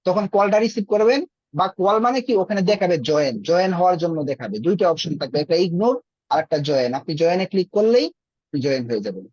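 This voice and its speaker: A man's voice: high voice, very animated, fast, a little mellow, dry recording, highs cut off. A man teaching Arabic in an online class, explaining patiently with everyday examples. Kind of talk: online class over a group call.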